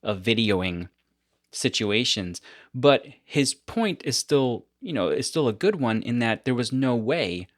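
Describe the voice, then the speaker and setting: A man hosting a podcast who tells stories in an animated, casual way and often laughs between his points. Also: mid-range voice, unhurried, no room sound, studio quality. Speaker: podcast host. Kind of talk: casual conversation.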